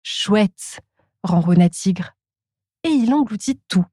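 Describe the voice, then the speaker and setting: A woman narrating a children's storybook in a calm, clear storytelling manner. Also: mid-range voice, unhurried, no echo, studio quality.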